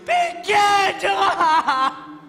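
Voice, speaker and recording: A man with a Sicilian accent playing a panicked village man who shouts and cries for help, in an amateur staged sacred play. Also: very high-pitched, wildly swooping pitch, vocal fry, exaggerated voice. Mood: frantic. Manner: shouting, frantic, drawn-out cries. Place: theatre stage. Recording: echoey hall with faint noise.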